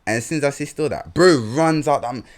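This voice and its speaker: This podcast co-host is a young man from London by accent, chatting casually and telling meandering stories packed with slang. He speaks with a medium pitch at a fairly quick clip.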